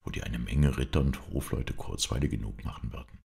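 A man reading a gentle, soothing young king. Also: extremely low pitch, brisk, creaky, pitched below the performer's own voice, exaggerated voice. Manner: soothing, calm. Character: gentle older brother king, patient.

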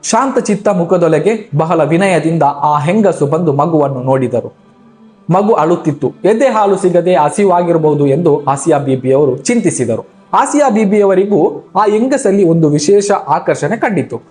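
Man, storyteller, scripted religious narration, measured, solemn, higher voice, faint background music. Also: lively intonation, a little mellow.

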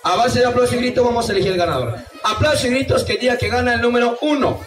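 At night in an outdoor town plaza beside a bandstand, a man plays a silly clown hosting a comic street show, teasing the crowd and hyping them up. His voice is very high, animated, and very fast. A distant camera picks him up with an echoey sound, buried in loud music and crowd noise.

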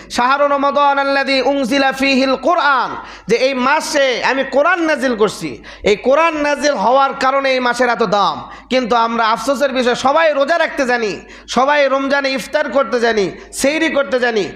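A man's voice: extremely high pitch, moderate pace, fairly bright tone, echoey room. A man preaching a Friday sermon as a mufti, repeating his points and firing rhetorical questions at the congregation. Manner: emphatic, repetitive preaching cadence.

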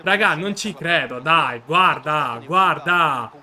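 A man giving excited live commentary on his own football video game match, shouting and repeating himself in disbelief. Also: on the high side, takes it slowly. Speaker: gaming video creator.

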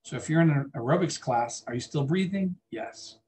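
A man leads a biology class in conversational fashion, putting questions to his students. His voice is a little high and a little mellow, his pace moderate, with slight background noise.

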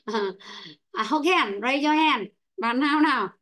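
Slow-paced woman teacher, fairly high voice. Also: a bit bright. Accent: Vietnamese. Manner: slow, patient, calls on pupils by name. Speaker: English teacher. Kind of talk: online class teaching.

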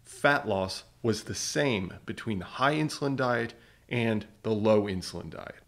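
A man's voice: on the low side, expressive, a little slow. A man narrating a scripted science explainer about nutrition studies, emphatic and fond of rhetorical questions. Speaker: science educator.

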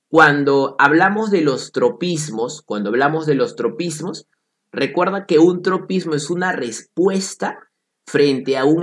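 Upbeat higher-voiced male biology teacher. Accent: Peruvian Spanish. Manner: playful, addresses students directly, repeats key points. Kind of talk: lively online exam-prep class.

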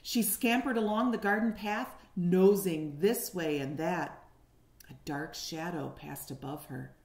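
Unhurried and fairly low-pitched, a kindergarten teacher in her forties reads a picture book aloud from her living room. She reads expressively and puts questions to young children, and her webcam recording has a roomy echo.

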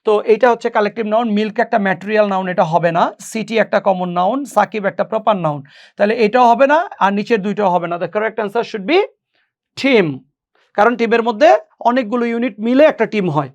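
A man's voice: high-pitched, moderate pace, lo-fi sound. A Bangladeshi man in a recorded exam-coaching lesson, explaining English grammar patiently, repeating key points and mixing English into his talk. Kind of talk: recorded lecture explaining past exam questions.

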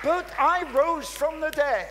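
A man in his seventies preaches with fervent, emphatic conviction, his voice set unusually high and swinging widely in pitch. He speaks into a handheld mic, and his words ring out with the long reverb of a big church hall. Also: lively intonation, slow pace, a crowd in the background, background noise. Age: 70s. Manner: fervent, emphatic, exclaiming hallelujah. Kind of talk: sermon in English, interpreted line by line. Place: large church hall with audience.

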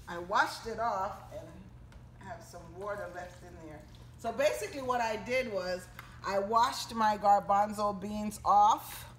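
Standing at the stove, this home cooking channel host chats with her viewers in a relaxed, homey manner. She has a mid-range voice, and her handheld phone camera picks up a little hiss or hum.

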